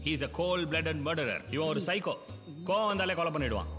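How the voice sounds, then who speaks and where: An actor playing a stern prosecutor who accuses forcefully in court. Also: male voice, fairly high pitch, lively intonation, moderate pace, long reverb tail, soft background music. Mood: accusing. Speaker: prosecuting lawyer. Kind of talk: film drama acting.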